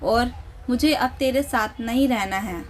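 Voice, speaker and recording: Stubborn elderly mother-in-law who scolds harshly, read by a woman narrator with a higher pitch. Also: unhurried, a little hiss or hum, natural voice. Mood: angry, scolding.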